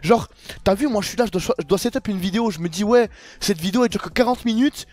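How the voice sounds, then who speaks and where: A man's voice: high voice, fast talker, a little mellow. A young man streaming live, chatting casually and rambling in heavy slang to his chat. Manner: slangy, rambling, keeps saying frère and wesh.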